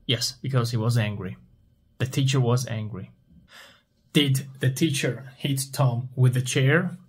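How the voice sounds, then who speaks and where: A man teaches at a very unhurried pace. His voice is husky and mid-pitched. He asks a question, pauses, and then answers it himself in simple words. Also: steady tone. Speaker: English teacher. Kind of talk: slow question-and-answer language lesson.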